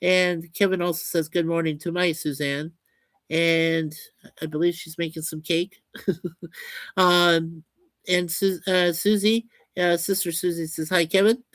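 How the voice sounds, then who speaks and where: A man's voice: on the high side, level tone, unhurried, a bit bright, no room sound. A man hosting a livestream, casually reading out and answering viewer comments in a chatty, folksy way. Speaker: livestream host reading chat. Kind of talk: casual chat.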